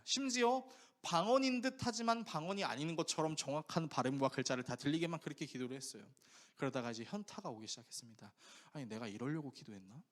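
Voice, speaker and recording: A male pastor giving a sermon, telling a story and acting out the prayers and remarks of other people. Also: fairly high pitch.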